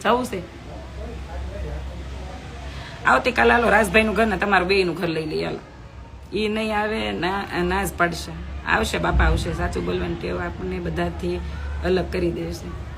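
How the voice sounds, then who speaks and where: A woman's voice: on the low side, steady tone, moderate pace, creaky. A middle-aged woman, chatting bluntly with viewers on a phone live stream, scolding and preaching.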